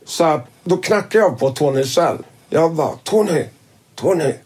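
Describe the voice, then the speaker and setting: A man's voice: a little high, animated, darkish tone. A man telling his story casually, swearing freely and acting out who said what. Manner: swears freely and acts out quoted dialogue. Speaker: interviewee.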